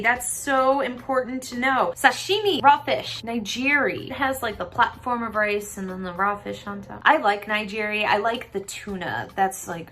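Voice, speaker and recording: Excitable young woman chatting on her vlog at home, voice a bit on the high side. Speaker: vlogger. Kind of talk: casual chat. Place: at home with a cat.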